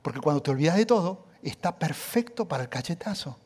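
Pastor guy preaching, lively up-and-down voice, talks right to the crowd. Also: fairly high pitch, fast, slightly rough. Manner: animated, emphatic, conversational asides. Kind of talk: sermon.

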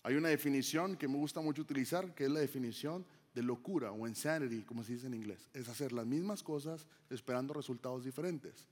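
A man's voice: medium pitch, fast talker, few pauses, a little mellow, big-room sound. A man from Mexico preaching a sermon as pastor, conversational, throwing rhetorical questions to the congregation.

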